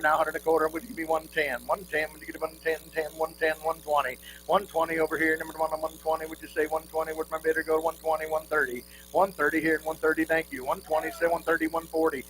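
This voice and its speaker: A male auctioneer rolls through a rhythmic bid-calling chant, repeating numbers again and again and tossing folksy asides to the crowd. His fairly high voice holds a narrow, steady range, and this live recording carries a clear hum in the background.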